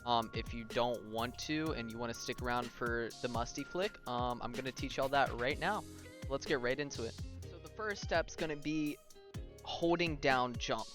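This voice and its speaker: A young man with a mid-pitched, fairly bright voice walks viewers through a video game tutorial in a casual, informal style. He speaks to them directly and checks in as he explains, with faint music in the background.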